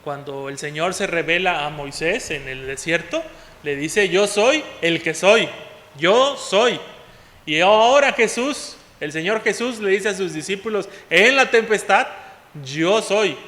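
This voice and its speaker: A man preaching a sermon as pastor, often calling out to the congregation as "hermanos" and moving between loud and soft passages. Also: high voice, expressive, measured pace. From Mexico. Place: church hall. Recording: long hall reverb.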